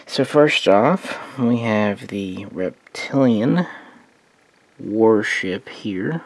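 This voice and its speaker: A man giving a relaxed, meandering spoken overview of his collection of model starships, thinking aloud as he goes. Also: lowish voice, extremely slow. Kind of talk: casual hobby overview.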